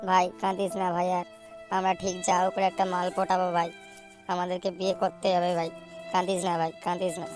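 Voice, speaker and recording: A woman's voice: on the low side, completely flat delivery, fast, over music, lightly acted. A woman doing a mocking crude young guy. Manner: loud mocking banter with swearing. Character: mocking young male friend, crude and teasing. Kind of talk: cartoon voice acting.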